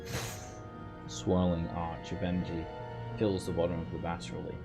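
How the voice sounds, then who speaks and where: A man running a tabletop role-playing game, narrating scenes in a measured, descriptive way. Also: deep voice, monotone, over music. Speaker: game master.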